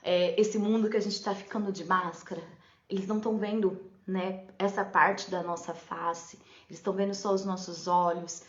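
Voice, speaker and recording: A woman teacher gives a casual live talk about teaching for parents and teachers, speaking at a moderate pace with a medium pitch and fairly even intonation. She's chatty, laughs, and often checks in with "né?". The recording has an echoey room and a slightly dull lo-fi sound.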